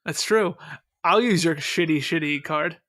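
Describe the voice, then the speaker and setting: A man's voice: fairly high pitch, unhurried, bright, forceful tone, no echo. A man hosting a podcast, recapping an episode and chatting with a wry, sarcastic manner on a close mic. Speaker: podcast host. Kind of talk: casual chat and episode recap.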